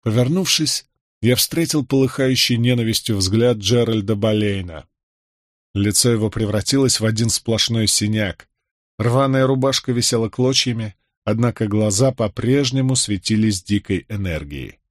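A man narrating an audiobook in steady first person. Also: fairly low pitch, normal speed, dry recording, studio quality. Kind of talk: audiobook reading.

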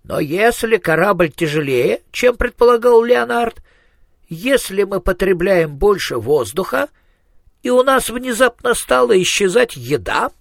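A man's voice: big pitch swings, creaky, dry recording, studio quality, exaggerated voice. Man voicing a jittery, wisecracking wizard. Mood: wary. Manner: high, fretful, quick to quip. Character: nervous, wry male wizard in flight.

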